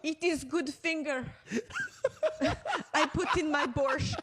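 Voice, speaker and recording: A woman putting on a deliberately bad Russian accent as a joke. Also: high voice, very animated, background noise, voice pushed up, exaggerated voice. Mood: playful.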